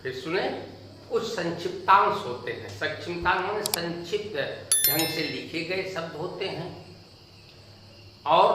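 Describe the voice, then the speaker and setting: A man teaching an English grammar lesson in Hindi, slowly repeating each example aloud. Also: fairly high pitch, sharp tone. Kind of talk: slow classroom lecture. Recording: echoey room, distant mic, faint noise.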